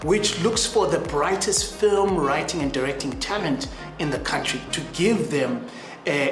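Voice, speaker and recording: A representative explains the project clearly in a mid-range voice. The room is echoey, and clear music plays underneath. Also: medium pitch. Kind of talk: documentary interview.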